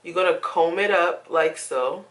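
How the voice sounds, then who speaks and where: A woman's voice: lowish voice, unhurried, a bit bright, rough recording. A young woman giving a casual, chatty beauty tutorial to camera, emphatic and fond of repeating words. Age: young adult. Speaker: beauty vlogger. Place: small indoor room at home.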